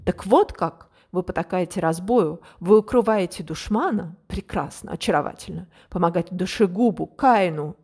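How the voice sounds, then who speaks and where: A woman's voice: lowish voice, normal speed, few pauses, a little mellow, husky. A woman voicing a spiteful military officer who hisses sarcastic accusations. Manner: hissing, sarcastic. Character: angry male officer, spiteful and hissing.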